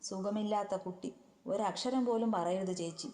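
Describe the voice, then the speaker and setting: A woman's voice: mid-range voice, normal speed, warm tone, long reverb tail, close to an everyday voice. A woman doing a firm, caring older sister. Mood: scolding. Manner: coaxing yet scolding.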